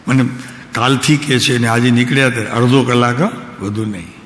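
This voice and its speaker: Male spiritual teacher, mid-pitched, steady unhurried sermon delivery, long reverb of a hall, light hiss behind. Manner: asks listeners direct questions. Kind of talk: devotional discourse. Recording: echoey hall, faint background noise.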